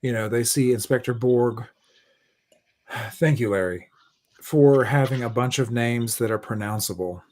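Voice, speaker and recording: A man in a casual online book club who rambles, with throat-clearing and trailing asides. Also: mid-range voice, a little slow, long pauses, a little mellow.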